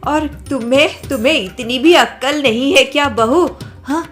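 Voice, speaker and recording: A woman's voice: high-pitched, measured pace, a bit bright, soft background music. A woman voicing a fretful scolding mother-in-law. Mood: alarmed. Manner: nagging, fretful, pleading. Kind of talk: cartoon story voice acting.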